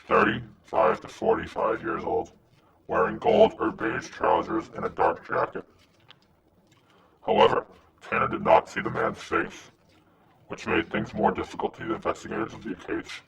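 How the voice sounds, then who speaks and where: A man reading a scripted anonymous message in a disguised, pitched-down voice. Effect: disguised voice, pitched down and gravelly. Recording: noisy, distant-sounding recording.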